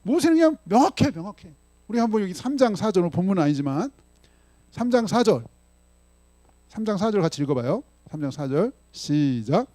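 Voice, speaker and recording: High-pitched, lively man preaching a sermon. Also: no room sound. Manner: conversational preaching, acts out the dialogue; leads the congregation in slow unison scripture reading. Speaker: pastor.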